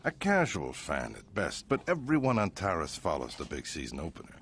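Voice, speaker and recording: A smug crime boss, with a very deep voice that swoops widely as he boasts and threatens. His grand, drawn-out delivery sits over faint game ambience. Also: wildly swooping pitch, a bit bright, slight background noise, full character voice. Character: smooth, self-satisfied male crime boss.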